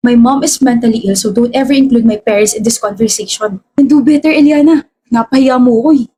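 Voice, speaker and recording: Husky high-voiced woman in a skit. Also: fairly quick, warm tone. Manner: argumentative, mixing English into Filipino. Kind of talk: scripted comedy skit dialogue.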